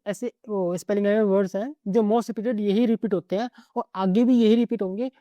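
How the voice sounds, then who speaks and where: A male teacher giving a casual exam-prep lesson, rattling quickly through word lists and checking in with the listener after nearly every line. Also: sits high, mellow, no echo.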